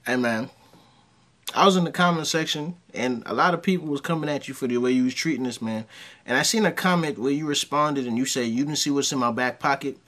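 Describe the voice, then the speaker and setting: A man's voice: mid-range voice, a little fast, a bit bright. A man hosting a reaction video, giving blunt casual commentary on clips. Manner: blunt, conversational, lecturing.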